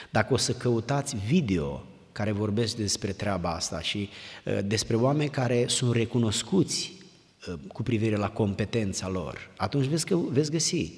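Low-voiced preacher guy urging young people, long church-hall echo. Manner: earnest, exhorting, repeats commands. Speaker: pastor.

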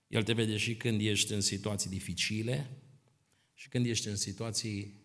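A middle-aged man preaching a sermon to his congregation, emphatic, swinging between quiet asides and loud exhortation. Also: on the low side, flat delivery.

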